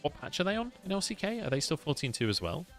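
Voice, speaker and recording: A man's voice: a little high, sing-song, quick pace, faint music behind. A British man, an esports caster, chatting casually on a stream, swearing freely and answering viewers' questions. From United Kingdom.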